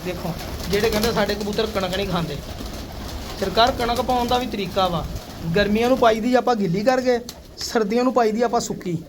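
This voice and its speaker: A man's voice: sits high, fairly quick, background noise. Chatty man showing off his pigeons. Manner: chatty and boastful, often addressing viewers as brothers and sir. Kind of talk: casual vlog talk to viewers. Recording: faint pigeon coos and outdoor ambience. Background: pigeons cooing.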